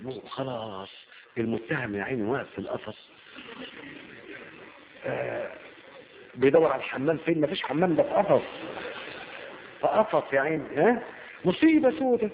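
A man's voice: medium pitch, moderate pace, gravelly, pauses often. A man with an Egyptian accent explaining a story casually, asking and answering his own questions. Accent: Egyptian Arabic. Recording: tinny phone-like lo-fi with faint hiss.

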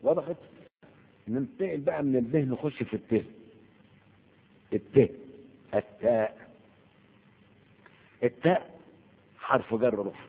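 Egyptian teacher, husky, echoey and tinny. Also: male voice, mid-range voice, expressive, a little slow, pauses often. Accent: Egyptian Arabic. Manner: asks the class questions and answers them himself. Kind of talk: Arabic grammar lesson. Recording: echoey hall over a tinny, phone-like line.

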